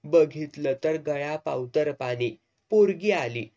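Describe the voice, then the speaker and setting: Man, narrator, serialized novel reading, vivid earthy storytelling, slightly high voice. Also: lively intonation, slow, dark tone.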